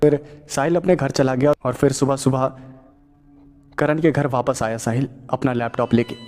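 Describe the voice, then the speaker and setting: A man narrating a horror audio story in a plain, steady way, linking events one after another. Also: medium pitch, moderate pace, in a large hall. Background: faint music.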